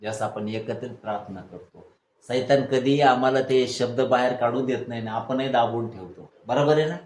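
A male pastor preaching a sermon. He asks the congregation questions, answers them himself, and builds to loud exhortation. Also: medium pitch, moderate pace, a little hiss or hum. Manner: call-and-response preaching, rising to loud exhortation. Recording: echoey room, faint ambience.

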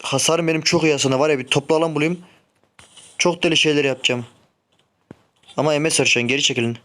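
This gaming streamer is a young man whose fairly high, steady voice moves fast as he narrates his own play. Whenever the game turns against him, he grows frustrated, swearing, grumbling, and shouting sharply.

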